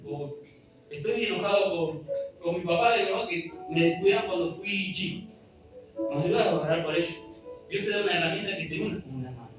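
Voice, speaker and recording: A man preaches a sermon in an earnest, pleading way, his voice sitting a little high. He sounds far from the mic in a strongly echoing hall, with music clearly playing behind him. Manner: earnest, pleading, reads scripture aloud. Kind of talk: sermon with scripture reading. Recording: echoey room, distant mic, music behind.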